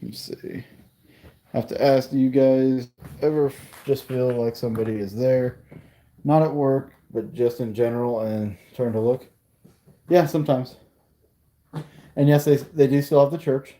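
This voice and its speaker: A man's voice: mid-range voice, a little slow, pauses often, mellow. A man hosting a casual live stream, chatting straight to his viewers. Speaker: livestream host.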